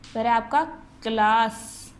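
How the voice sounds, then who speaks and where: A woman's voice: on the high side, fairly even intonation, slow. A woman teacher going through a school lesson step by step, asking the class questions and answering them herself. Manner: patient, explains step by step and asks the class questions.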